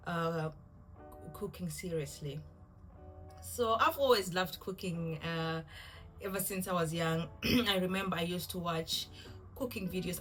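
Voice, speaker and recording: A cooking vlogger in her thirties opens with casual, self-mocking talk to camera, laughing as she goes. Her Zimbabwean-accented voice is on the low side with a fairly bright tone, and the recording is rough.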